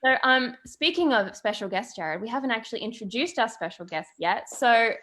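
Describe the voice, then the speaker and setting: Woman host, slightly high voice, upbeat, live online chat. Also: lively intonation, brisk, pushed and bright. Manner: upbeat, encouraging. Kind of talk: live show hosting.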